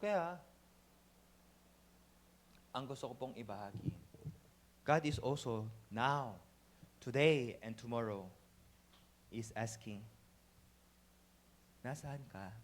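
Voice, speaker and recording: A man preaching an animated sermon as pastor at a church service. He switches between two languages, acts out little dialogues and keeps checking in with the congregation. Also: medium pitch, takes it slowly, pauses often. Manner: asks the congregation "Amen?".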